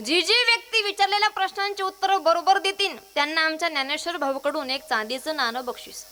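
A kirtankar preacher from Maharashtra, India, gives a devotional talk to a women's gathering in a high, pushed, bright voice. She questions the audience, draws responses back from them, and sings verses as she goes.

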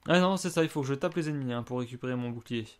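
Playing a game and narrating it live, a man speaks at a racing pace in a clean, mid-range voice. He sounds casual and unsure, cursing and blurting out sudden exclamations.

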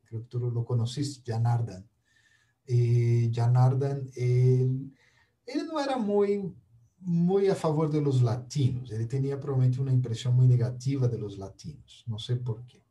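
A middle-aged man with a Brazilian Portuguese accent, sharing spiritual thoughts in an easy, conversational manner. His voice is deep-toned and very warm and mellow. He sounds a little distant from the microphone. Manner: unhurried, often ends points with "¿ya?". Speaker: spiritual speaker. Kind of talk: reflective conversational talk.

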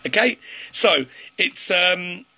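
A man chats through a phone livestream, greeting viewers and driving home his sales tips with repeated phrases. His voice is bright and husky, and it rises and falls a lot as he talks. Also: sits high, lively intonation, takes it slowly. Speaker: network marketing livestreamer.

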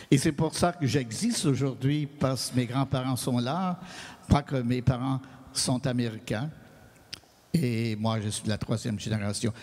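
A man with a Franco-American French accent answering audience questions on stage, earnest and measured, on a handheld mic. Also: mid-range voice, a little mellow. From New England, United States. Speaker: guest writer. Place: stage of a large hall. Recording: long hall reverb.

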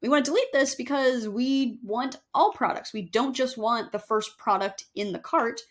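A young woman giving a casual screen-share software tutorial, chatty and self-correcting as she walks through each step. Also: on the high side, moderate pace. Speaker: email marketing instructor. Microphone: webcam overlay on screen recording.

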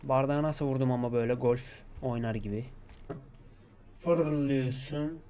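Casting: male gaming YouTuber, mid-pitched, self-coaching play-by-play, faint background noise. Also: brisk. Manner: talks to himself, coaxing and urging himself to stay calm. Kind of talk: gameplay commentary.

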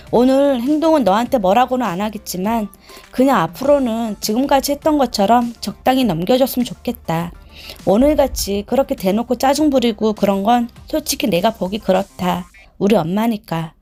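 A woman's voice: on the high side, animated, normal speed, warm tone, faint music behind, lightly acted. A woman reading as a weary pleading husband. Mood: subdued. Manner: subdued, pleading.

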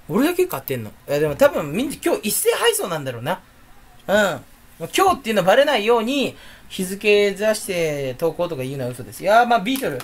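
A man talking casually to camera about a new gadget he bought, rambling and joking to himself. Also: high voice. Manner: rambling, jokey, talks to himself. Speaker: video creator. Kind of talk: casual unboxing chat to camera.

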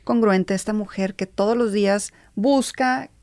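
A woman's voice: mid-range voice, measured pace, no echo. A woman hosting an interview, affirming her guest and summing up her answers at length. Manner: warm affirming, sums up at length. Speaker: interview host. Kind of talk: interview host.

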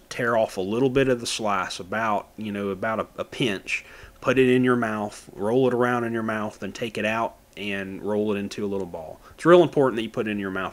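A man's voice: lowish voice, a bit bright. A man from Florida narrating his own fishing footage in a plain, folksy how-to manner. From Florida, USA. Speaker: fishing channel host.

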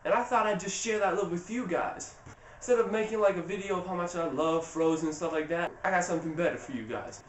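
A man's voice: sits high, quick pace, far from the mic, slight background noise. A young man giving a comedic movie recap, profane, slangy and sarcastic. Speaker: YouTuber. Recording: roomy echo.

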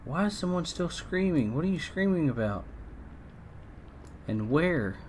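A man giving casual let's-play commentary, chatting to his game characters and breaking into excited outbursts. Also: a little high, measured pace, slight background noise. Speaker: gameplay streamer. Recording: faint game music behind.

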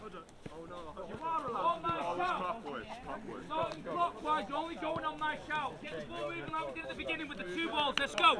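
Coach type: English man, high-pitched voice, loud clipped drill calls, outdoor beach training with players shouting all around. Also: level tone, fairly quick, pauses often. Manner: loud, clipped commands, encouraging. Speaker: football coach. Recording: outdoor wind and crowd of players.

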